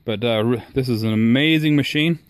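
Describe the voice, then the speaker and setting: A man talking casually to the camera about his cooking at home outdoors, relaxed and enthusiastic, with frequent fillers. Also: medium pitch, a little fast, no echo. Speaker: home cook reviewing his new smoker.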